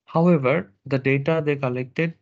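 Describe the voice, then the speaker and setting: Man, webinar presenter, measured and hesitant, mid pitch, muffled call audio. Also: steady tone, a little mellow. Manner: measured, with frequent hesitations and fillers. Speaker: nutrition officer presenting a webinar. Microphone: video call microphone. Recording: slightly dull video call audio.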